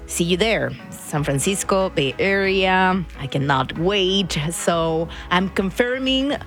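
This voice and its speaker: A woman from Argentina with an Argentine Spanish accent chats casually as a radio DJ, dropping Spanish words into her talk. Her pitch sits fairly low.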